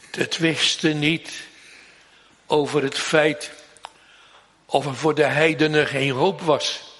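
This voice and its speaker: A man preaching a sermon in a church, solemn and emphatic, drawing out repeated pleas slowly. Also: sits high, fairly bright tone. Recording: long reverb of a church hall.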